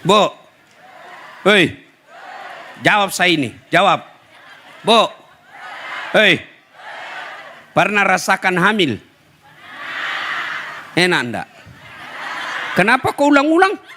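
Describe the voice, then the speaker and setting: A man's voice: sits high, sing-song, slow, long pauses, a crowd in the background, background noise. A man with a Bugis accent giving a humorous sermon, teasing and addressing the audience directly. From Bugis, South Sulawesi, Indonesia. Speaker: preacher.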